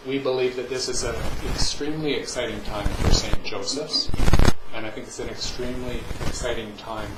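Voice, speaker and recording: A man giving an earnest, measured prepared speech to a town council, with a few ums. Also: mid-range voice, steady tone. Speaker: hospital representative addressing council. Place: council chamber. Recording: distant mic in echoey chamber with noise.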